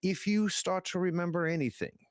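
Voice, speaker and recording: A man puts on a condescending doctor for a tabletop game, in a dry recording. He is halting and matter-of-fact, with the patronising tone of someone sure he is smartest. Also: mid-range voice, animated, no room sound, close to an everyday voice. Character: condescending male doctor, smug and evasively questioning.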